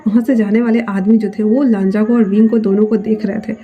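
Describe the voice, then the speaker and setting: A woman's voice: mid-range voice, fairly even intonation, fairly quick. A woman narrating a story in a chatty, conversational way. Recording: dull lo-fi sound.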